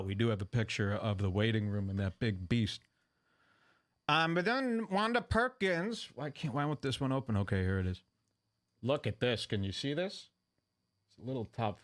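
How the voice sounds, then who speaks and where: A man's voice: on the high side, fairly bright tone. A man hosting a talk show, telling a comic story in a profane, sarcastic way and mocking the voices of people in it. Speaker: podcast host. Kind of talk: comedic storytelling.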